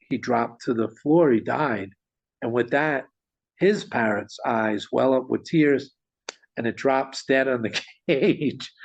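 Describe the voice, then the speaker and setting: A man's voice: mid-range voice, creaky. Guy telling a story, lots of restarts n little laughs, kinda dull lo-fi sound. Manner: animated, with restarts and chuckles. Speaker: guest storyteller. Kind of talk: conversational anecdote telling.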